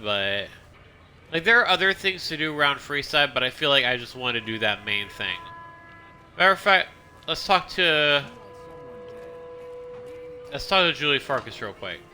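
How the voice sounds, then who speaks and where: A man with a very bright, forceful voice gives casual gameplay commentary on a stream. He rambles, trails off and restarts his thoughts as he plays. A faint hiss of noise sits behind him. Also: medium pitch. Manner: rambling, self-interrupting, chatty. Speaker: game streamer.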